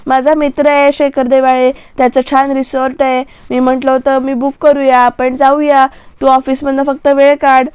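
A woman voicing a defensive, exasperated young husband, in slow, plain quoted lines. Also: sits high, level tone, a little mellow, no echo, natural voice.

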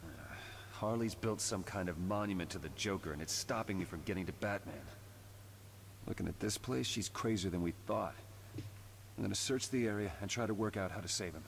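An actor playing an earnest, resolute masked young sidekick in a video game, speaking in a measured, serious way. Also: male voice, lowish voice, gravelly. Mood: grave, focused. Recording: echoing hall, noisy game capture.

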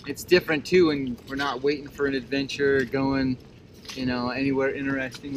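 A man chatting casually aboard a sailboat anchored in strong wind, with a weary, complaining tone. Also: medium pitch. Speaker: sailing vlogger. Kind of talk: casual chat.

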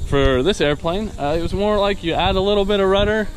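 The audio is poor with a little hiss or hum as a young man talks fairly quickly in a high-pitched voice. A vlogger who's newly become a private pilot, he's filming a casual review on a wooded dirt path with a handheld action camera at arm's length, rambling enthusiastically with fillers and restarts.

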